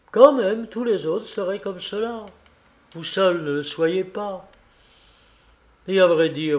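A gentle, sincere young man, calm and reassuring in every word, as a man reads him aloud. The delivery is unhurried and fairly high for a man, in a storybook reading.

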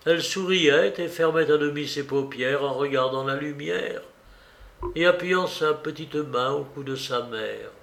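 A man narrating a classic novel as an audiobook in a measured, unhurried way. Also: fairly high pitch, creaky, fairly bright tone. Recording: roomy echo.

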